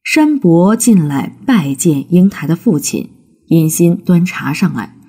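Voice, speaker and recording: Brief: woman narrating a folk storybook, slow and lively in pitch, mellow husky tone. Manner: slow, expressive reading.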